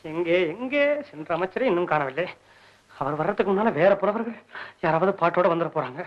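A man's voice: sits high, lively intonation, brisk, dull audio. An actor playing a poor, comic male poet who complains sarcastically and rants to himself, in classic film drama dialogue. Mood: greedy excitement. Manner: sarcastic, complaining, talks to himself in frantic bursts.

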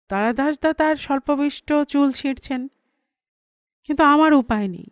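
A woman reading a first-person story aloud, in a measured, conversational storytelling manner. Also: high voice, darkish tone, dry recording, studio quality. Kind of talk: scripted literary narration.

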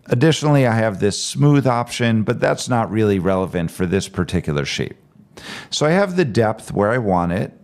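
A man calmly talking step by step through a screen-recorded software tutorial. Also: lowish voice, normal speed. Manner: calm step-by-step explaining. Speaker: tech tutorial presenter.

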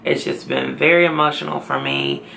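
A tired young woman talking slowly and tearfully to camera in a personal vlog, trying to stay upbeat. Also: a bass voice, creaky, bright, forceful tone, slight background noise. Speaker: pregnancy vlogger.

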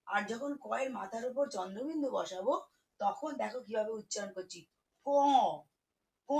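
A woman teaching children to read, spelling words out slowly syllable by syllable. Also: on the high side, poor audio. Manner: slow, syllable-by-syllable spelling, warm teacherly coaxing. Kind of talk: children's reading lesson.

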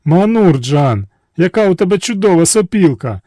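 A tricky young princess from a storybook tale, as a male narrator puts her on, shrill and high-pitched. Her cries leap up loudly, and she coaxes and pleads. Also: expressive, moderate pace, no echo, clean studio sound. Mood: coaxing.

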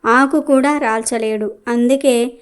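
A vain, loud-mouthed tree from a folktale brags about its strength, voiced by a woman. The voice stays smooth, clear and on the higher side. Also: steady tone, unhurried, natural voice. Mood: boastful. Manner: loud, arrogant boasting. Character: boastful proud silk-cotton tree.

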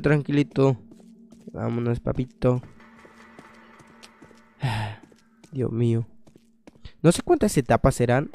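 A young man, commentating his own horror game playthrough in a casual way, swearing, thinking aloud and breaking into loud startled outbursts. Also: medium pitch. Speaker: gaming channel host.

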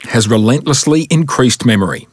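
Male science reporter, scripted documentary narration, lively delivery, music bed underneath. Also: medium pitch, normal speed.

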